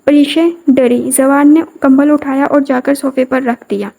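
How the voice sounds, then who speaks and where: Woman narrator, high pitch, mellow warm tone, steady audio novel reading. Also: creaky. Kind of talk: scripted narration.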